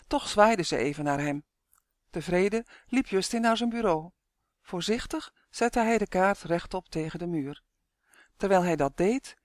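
A reader narrating a children's book in a calm, even storytelling manner. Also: mid-range voice, no room sound, clean studio sound. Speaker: audiobook reader.

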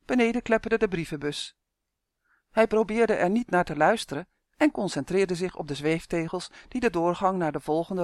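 Reading a children's story as scripted narration, a calm audiobook narrator keeps a steady, measured pace in a medium-pitched voice. The recording is dry and close, with no room sound.

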